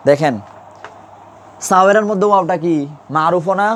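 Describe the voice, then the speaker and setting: A man's voice: high-pitched, moderate pace, fairly bright tone. A man teaching an Urdu grammar class, speaking colloquially and patiently drilling pronunciation with repeated questions to his students. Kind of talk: classroom lesson.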